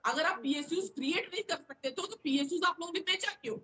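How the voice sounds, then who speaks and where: A high-pitched woman argues her party's case in a televised debate. She pushes point after point, doubling back on words and restarting sentences as she presses on. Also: fast talker, bright, forceful tone, rough recording. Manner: argumentative, repeats words and restarts often. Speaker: political party spokesperson. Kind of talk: heated televised political debate.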